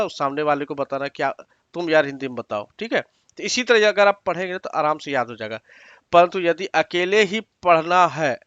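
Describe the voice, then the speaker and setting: Bright-voiced man teaching patiently. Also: a little high, dry recording, highs cut off. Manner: patient, repeats each word and its meaning step by step; addresses learners directly with instructions. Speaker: Sanskrit teacher. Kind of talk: exam-prep lesson explaining sentences.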